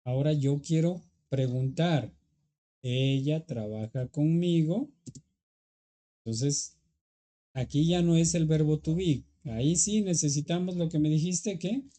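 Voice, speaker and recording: A man's voice: a little high, measured pace, mellow. A man teaching an English grammar lesson, patiently explaining and checking in with students.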